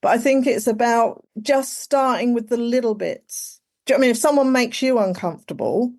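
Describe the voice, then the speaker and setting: A woman's voice: a little high, a little fast, a little mellow. A woman, chatting casually as a podcast guest, full of "like" and "you know". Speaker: guest, executive coach.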